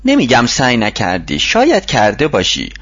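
Male reader playing patient older workshop mentor, lively advising voice, husky, dull dry audiobook sound. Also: medium pitch, no echo.

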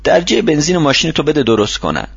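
A man's voice: on the high side, big pitch swings, creaky, a bit bright, slightly rough, no echo, highs cut off, pitched above the performer's own voice, heavily acted. A man reading a storybook, voicing a kindly older mentor who runs a workshop and gives patient advice. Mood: advising. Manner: patient, advising tone.

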